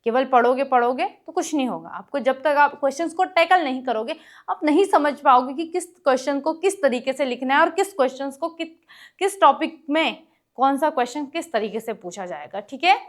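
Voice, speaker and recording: A high-pitched woman with lively intonation teaches an exam-prep class, explaining every step and repeatedly putting questions to her students. She reads English question text slowly and coughs from time to time.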